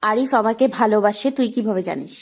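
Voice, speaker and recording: A woman's voice: medium pitch, brisk, lightly acted. A woman voicing a rude, contemptuous young wife in an audio story. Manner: harsh, contemptuous, bossy. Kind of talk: audio drama acting.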